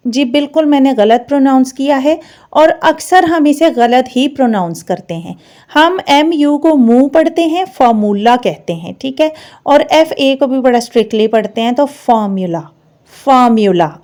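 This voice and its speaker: A woman's voice: high voice, a little mellow. Woman teaching English pronunciation. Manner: explains slowly, then repeats each word for practice. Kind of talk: classroom-style lesson at a board.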